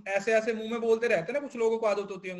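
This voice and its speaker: Male teacher, high voice, repetitive, keeps checking in with students. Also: fairly even intonation, rapid-fire. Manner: mixes in English terms. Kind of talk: classroom lecture.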